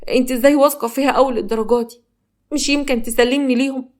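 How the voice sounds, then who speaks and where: Female narrator as a terrified young Egyptian wife; pitched up, pleading, quick. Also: fairly even intonation, a little mellow, close to an everyday voice. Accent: Egyptian Arabic. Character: frightened pregnant young wife, trapped.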